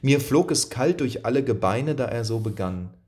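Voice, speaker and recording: A man's voice: mid-range voice, expressive, normal speed, darkish tone. A man reading a classic novel aloud as narrator, solemn and lyrical. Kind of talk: audiobook reading of classic prose.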